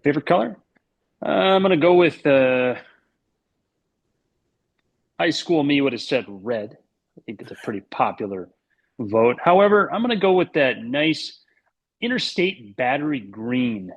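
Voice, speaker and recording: A man in his thirties talks casually about sports as a show guest. His voice sits at a middling pitch, and he rambles through stories in a jokey way. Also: expressive, measured pace, long pauses, low-quality recording. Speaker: recurring podcast guest. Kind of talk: casual sports chat, anecdotes.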